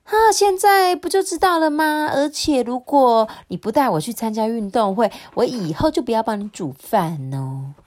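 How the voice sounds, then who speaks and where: Woman voicing a squeaky, teasing storybook rice cooker, little-girl pitch. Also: lively intonation, moderate pace, hardly any pauses, darkish tone, close to an everyday voice. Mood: wheedling.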